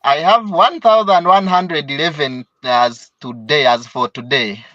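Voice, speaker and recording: A young Ugandan man with a Ugandan accent, a student and travel vlogger, calls in to a live stream, his voice fairly bright and on the high side. He speaks at a measured pace but hesitantly, with fillers and laughs, over dull, dry call audio.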